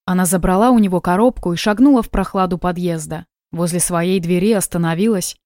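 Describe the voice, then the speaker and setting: A woman narrating an audiobook in an even, measured way. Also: on the low side, dry recording, studio quality.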